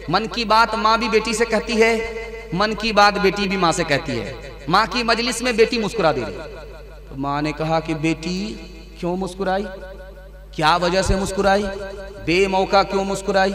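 A male preacher with a high voice delivers an emphatic sermon, swinging his tone widely as he tells his stories. His voice carries a long, echoing reverb from the hall's sound system. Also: sharp tone. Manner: emphatic storytelling with dramatic pitch swings. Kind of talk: Urdu-Hindi religious sermon at a gathering. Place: large hall or tented gathering.

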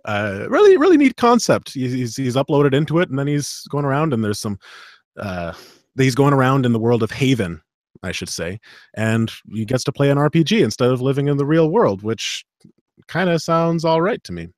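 A man's voice: medium pitch, animated, moderate pace, a little mellow, no room sound, clean studio sound. A man hosting a live show, chatting casually and animatedly with fillers and laughs. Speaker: host and audiobook narrator.

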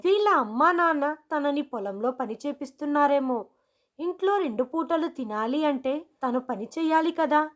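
A woman voicing a proud, spoiled schoolgirl who talks loudly and boastfully. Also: high-pitched, expressive, normal speed, pitched above the performer's own voice. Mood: mocking. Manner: loud, boastful.

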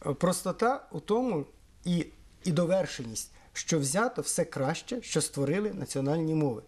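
A middle-aged man from Ukraine explaining things in an interview, measured and pausing often on fillers. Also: a little high, animated, a little mellow. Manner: measured, with frequent hesitations and fillers. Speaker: interviewee, Esperanto historian.

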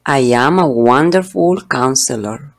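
A man with a gravelly, creaky voice whose first language is Spanish teaches English at an unhurried pace. He goes through a religious text word by word, repeating each pronunciation slowly. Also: mid-range voice, expressive. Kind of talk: bilingual religious English lesson.

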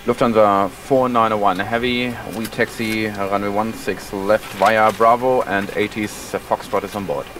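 German pilot on cockpit headset intercom. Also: male voice, lowish voice, fairly even intonation, measured pace, few pauses, a bit bright. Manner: terse, procedural, matter-of-fact. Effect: cockpit intercom headset audio. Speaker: airline pilot. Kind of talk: clipped cockpit callouts and radio calls. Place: airliner cockpit. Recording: distant headset audio over engine noise.

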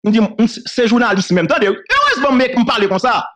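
A man's voice: very high voice, fast. A man with a Haitian accent recounting a conversation in a casual monologue, acting out the other person's lines and laughing often. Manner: animated retelling, acts out quoted dialogue, laughs often.

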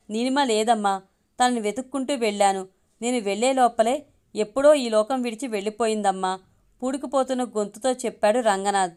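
Smooth-voiced woman reading a story. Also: on the high side. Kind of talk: reading a Telugu audio story aloud.

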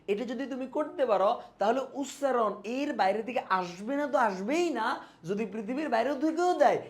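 A young man teaching a casual exam-prep lesson, chatty, speaking straight to his students and mixing in English words. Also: extremely high pitch.

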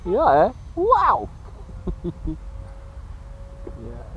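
A man casually commentating as he flies a model jet outdoors, relaxed and chuckling. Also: high-pitched, dull audio, slight background noise. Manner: relaxed, chuckling, talks slowly while flying. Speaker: RC jet pilot reviewer. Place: outdoor flying field.

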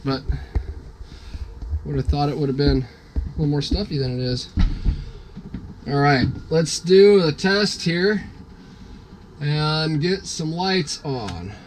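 A man in his thirties vlogs casually on his sailboat at a marina, filming the cabin and deck with a handheld camera at arm's length. His fairly high voice is relaxed and easygoing, full of "uh" fillers. The recording is low-quality, with slight background noise.

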